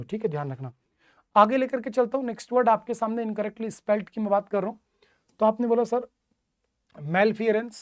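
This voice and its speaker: A man's voice: high voice, no echo, clean studio sound. A male teacher giving an online exam-prep English lesson, drilling word meanings with repeated questions and calling students his children.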